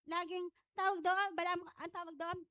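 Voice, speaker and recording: A woman's voice: very high voice, flat delivery, moderate pace, sharp tone, dry recording. A middle-aged woman pastor, preaching a conversational church sermon full of chatty asides. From Philippines. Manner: chatty, digressive preaching with frequent asides and self-laughter.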